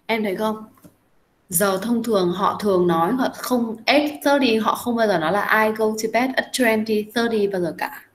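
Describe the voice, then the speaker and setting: A young adult woman teaches an English class, going through each phrase step by step and coaxing her students with repeated questions. Her voice is medium-pitched at a normal speed, and the recording quality is low.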